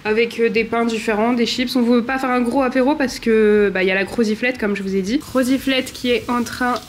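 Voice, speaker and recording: A woman's voice: a little high, fairly even intonation, brisk, a little hiss or hum. Chatty young woman vlogging at home. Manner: chatty, rambling, self-mocking asides. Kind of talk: casual home vlog. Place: apartment living room.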